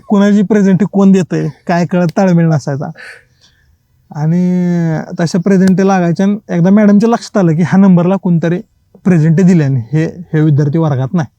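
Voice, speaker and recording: A man, a writer and podcast guest, telling lively college anecdotes in a casual interview, acting out the dialogue in colloquial speech and laughing often. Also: sits high, no room sound.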